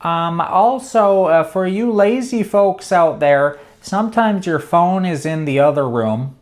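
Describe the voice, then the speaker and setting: Slow-talking man musing aloud. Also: sits high, expressive. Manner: meandering, hesitant, many restarts. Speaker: channel host. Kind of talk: casual brainstorming monologue.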